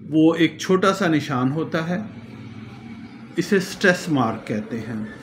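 A man lectures in a measured classroom manner, spelling out words letter by letter. His voice sits a little high and he speaks very slowly. A faint hiss of noise runs under the recording. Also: expressive. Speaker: teacher.

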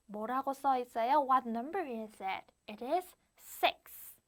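High, slow sing-song woman teacher. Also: animated, a bit bright. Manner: slow, sing-song English with Korean explanations; counts aloud with rising emphasis. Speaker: English teacher for children. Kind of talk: online class for young learners.

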